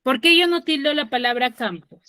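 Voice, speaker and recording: Woman teacher on a video call, kinda high bright voice, keeps asking "right?" and fixing her own wording, dry sound. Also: moderate pace, dry recording. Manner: checks understanding with frequent tag questions; corrects herself mid-sentence. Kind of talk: online class explanation.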